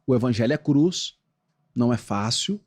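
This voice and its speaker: Brazilian pastor preaching with animated cadence. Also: male voice, mid-range voice, normal speed. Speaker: pastor and former footballer. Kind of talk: podcast interview.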